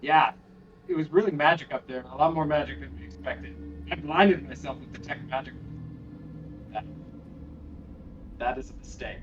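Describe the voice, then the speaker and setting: A man's voice: fairly high pitch, normal speed, long pauses, a bit bright. Man player, dull and distant sound. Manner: rambling, casual storytelling. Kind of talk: tabletop game role-play.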